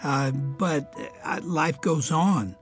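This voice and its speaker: Faint music sits behind this older American radio host as he reads aloud from a prepared letter. His voice is raspy and a little high, his delivery slightly strained and unclear, and he reads with grave deliberation, stressing every list item.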